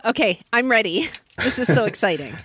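A woman's voice: on the high side, animated, fairly quick, fairly bright tone, slight background noise. A woman co-hosting a podcast in casual, conversational talk. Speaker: podcast co-host. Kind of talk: casual chat.

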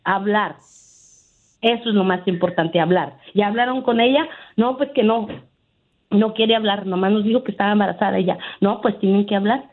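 A woman's voice: mid-range voice, moderate pace. Earnest woman caller over a phone line. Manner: earnest, keeps asking "¿verdad?". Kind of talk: telling a family story on a call-in show. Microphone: telephone.

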